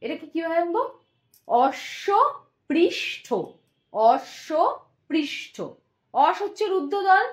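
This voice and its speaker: A woman teacher explaining a school lesson patiently, slowly drawing out example words as she demonstrates. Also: extremely high pitch, roomy sound.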